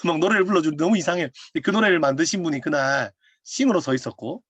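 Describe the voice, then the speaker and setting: Speaking fast with a breathy edge on a dry recording, a pastor with a slightly high voice recounts his testimony at a video-call prayer meeting. He tells it animatedly, laughing and acting out what others said.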